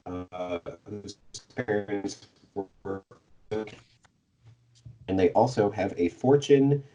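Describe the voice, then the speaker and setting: Speaking extremely slowly, this man has a lowish, mellow voice. He's the podcast co-host summarizing a book's plot, chatting casually while hesitating with plenty of fillers and small laughs.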